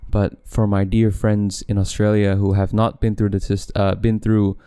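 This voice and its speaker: A young man talks loosely and unhurriedly on his podcast, circling back and correcting himself mid-sentence with easy laughs. His voice sits a little low, mellow and smooth in tone. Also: little pitch movement, moderate pace. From Malaysia. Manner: rambling, self-correcting, laughs often. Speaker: podcast host. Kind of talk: casual solo podcast chat. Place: home room, camera set back.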